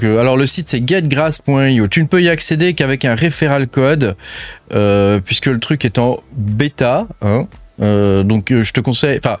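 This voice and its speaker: A man's voice: mid-range voice, no echo. A man with a French accent casually walking viewers through apps on his screen, chatty and full of fillers. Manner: chatty, lots of fillers and hein, addresses viewer as tu. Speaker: crypto channel host. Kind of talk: casual screen-share walkthrough.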